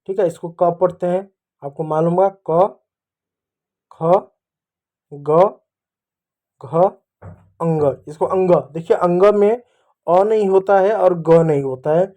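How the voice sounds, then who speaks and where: A man teaching young children to read, patiently repeating each sound slowly. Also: high voice, dark tone. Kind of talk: children's reading lesson.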